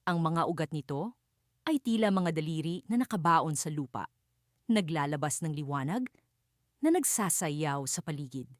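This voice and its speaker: A woman narrating a fantasy storybook in the first person, in an expressive, dramatic way. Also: sits low, moderate pace, no room sound, clean studio sound.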